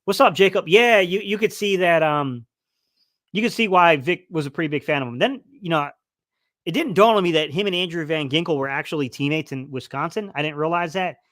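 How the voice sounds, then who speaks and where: A brisk man with a voice on the high side and a fairly bright tone, heard in clean studio sound without echo. He hosts a relaxed football live stream, reading chat aloud and rambling, full of fillers and restarts, while gradually losing his voice a little.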